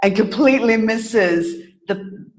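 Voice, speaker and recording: This interview guest is an author whose slightly high voice carries earnest, halting answers. She reflects casually, with thoughtful pauses and frequent self-corrections.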